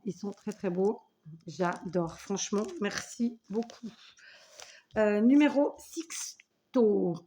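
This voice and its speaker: An enthusiastic woman in her forties chats through a home scrapbooking video, her pitch sitting in an ordinary middle range. She talks in a warm, effusive, rambling way, full of thanks and little asides. A faint hiss of background noise sits under the voice. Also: creaky. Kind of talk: casual unboxing chat.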